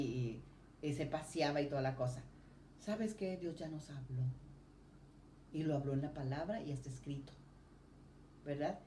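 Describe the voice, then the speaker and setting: Woman preaching in a roomy church. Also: fairly low pitch. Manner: lively testimony with rising emphatic phrases. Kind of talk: sermon. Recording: roomy church echo, faint noise.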